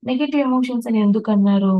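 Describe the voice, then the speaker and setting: A woman's voice: fairly high pitch, very fast, no echo, lo-fi sound. A woman giving a patient spiritual talk on emotions and meditation, listing terms one by one and restarting her words. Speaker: meditation teacher.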